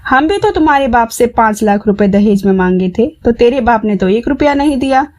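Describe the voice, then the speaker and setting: A woman's voice: fairly high pitch, lively intonation, fairly quick, a little mellow. Woman doing a stingy old father-in-law, mocking tone.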